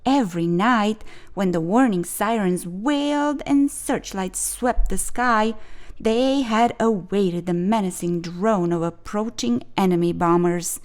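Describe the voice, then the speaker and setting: Reading a children's picture book aloud, a female storyteller narrates expressively with clear phrasing. Her voice sits at a medium pitch.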